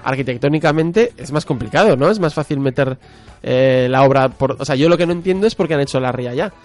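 A man hosting a casual local radio show, relaxed and quick to laugh. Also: mid-range voice, faint music behind. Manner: relaxed, laughs often, steers the talk. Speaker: radio host. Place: radio studio.

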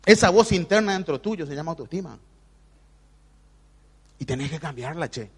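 A man's voice: fairly high pitch, expressive, normal speed, husky, in a large hall. A man with a Rioplatense Spanish accent giving an emphatic spiritual motivational talk, speaking familiarly straight to the listener.

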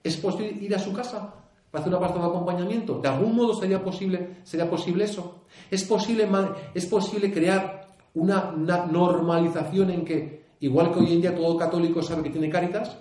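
A priest with a Castilian Spanish accent giving an earnest conference talk, full of restarts, rhetorical questions and a tag "¿eh?". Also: male voice, high voice, steady tone, brisk, mellow. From Spain. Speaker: priest and pastoral speaker. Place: conference hall. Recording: echoey hall.

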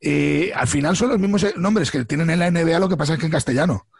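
A Spanish-accented man in a casual podcast chat, opinionated and lively, tossing in "¿sabes?" as he goes. His voice is gravelly and a touch husky. The recording is dry and close. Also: fairly high pitch, fast talker, no room sound. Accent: Spain. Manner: opinionated, animated, peppered with "¿sabes?".

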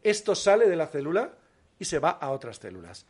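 A man's voice: a little high, sing-song, a little fast, breathy edge. A man guest talking casually in an interview, explaining with examples and rhetorical questions. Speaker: guest biologist.

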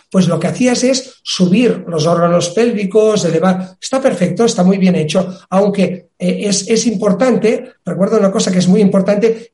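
A man's voice: sits high, warm tone. A man from explaining a fitness method in an interview, emphatic and acting out small dialogues. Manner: emphatic, acts out little dialogues. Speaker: fitness expert guest. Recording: roomy echo.

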